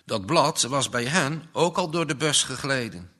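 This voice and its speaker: Slow bright male storyteller. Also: medium pitch, animated. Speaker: narrator. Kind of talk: audiobook reading.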